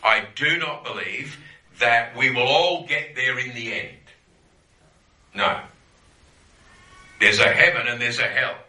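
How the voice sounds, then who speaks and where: A man's voice: medium pitch, slow, long pauses, pushed and bright, roomy sound, rough recording. A man teaching a Bible class to a group, conversational, often checking in with "yeah?" and repeating phrases for emphasis.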